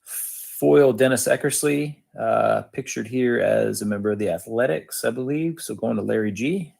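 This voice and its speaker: A man's voice: medium pitch, moderate pace, gravelly, a little mellow. A man hosting a sports card break, reading out cards in casual, matter-of-fact, clipped phrases.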